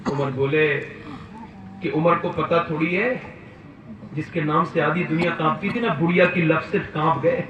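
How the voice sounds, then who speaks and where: A man preaching a sermon, shifting between quiet storytelling and loud impassioned shouting, and sometimes scolding his listeners. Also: on the high side, fairly even intonation, dull audio, noisy background. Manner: swings from soft storytelling to shouted climaxes; scolds the audience directly. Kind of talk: impassioned religious speech. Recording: echoey hall, voice from far off, faint ambience.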